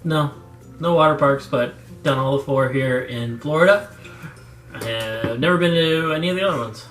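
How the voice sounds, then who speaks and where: A man's voice: medium pitch, normal speed, fairly bright tone, echoey room, soft background music. A man in his twenties from Michigan, co-hosting a casual vlog Q&A and dropping short, dry quips. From Michigan, USA. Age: 20s. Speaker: vlogger co-host. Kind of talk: casual Q&A chat.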